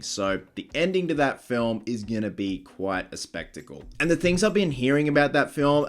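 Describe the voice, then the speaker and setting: A vlog host delivers casual news commentary, his voice stuffy and nasal as if he just woke up. He sits on the lower side and chats like an excitable fan.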